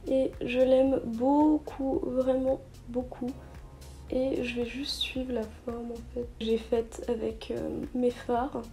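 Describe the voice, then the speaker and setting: A woman's voice: on the high side, flat delivery, slow pace, warm tone, faint music behind. A young woman narrating her makeup step by step in a casual vlog, chatty and full of little fillers and self-corrections. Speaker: beauty vlogger.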